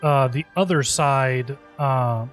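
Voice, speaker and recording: A man's voice: medium pitch, takes it slowly, faint music behind. A man chatting casually as a player in a tabletop role-playing game.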